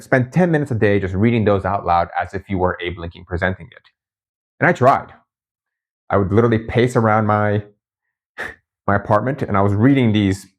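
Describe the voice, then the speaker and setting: Raised in Japan by Brazilian parents, with Japanese as his first language, this channel host speaks in a low voice as he shares his story to camera. He's candid and reflective, often pausing and starting over.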